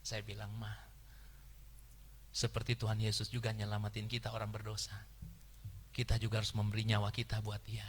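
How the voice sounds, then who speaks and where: A middle-aged man preaching a sermon as pastor, animated, moving between hushed asides and loud exclamations. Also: fairly low pitch, brisk, pauses often, slight background noise. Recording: reverberant church hall.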